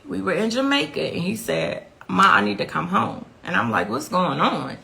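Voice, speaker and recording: Gravelly, bright-voiced grieving mother. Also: mid-range voice, lively intonation, moderate pace. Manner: intense, repeats key phrases for emphasis. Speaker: mother of the victim. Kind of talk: emotional interview testimony.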